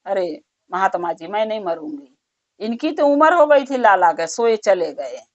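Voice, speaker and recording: A woman's voice: medium pitch, very animated, unhurried, no echo. A woman voicing a dramatic, selfish merchant's wife who laments and pleads. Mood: lamenting. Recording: dull muffled recording.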